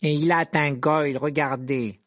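A man's voice: on the high side, steady tone, normal speed, fairly bright tone, no room sound, studio quality, close to an everyday voice. Malfoy, a man reading as a sneering teen wizard. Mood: taunting. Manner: mocking, taunting. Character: sneering arrogant teenage boy wizard.

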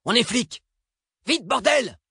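A man voicing a panicked male police officer driving under fire, yelling curses in a husky voice. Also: very high-pitched, expressive, slow pace, dry recording, clean studio sound, pitched above the performer's own voice, full character voice. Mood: frantic, yelling. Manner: shouting, foul-mouthed, frantic. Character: panicked male cop driving a getaway car.

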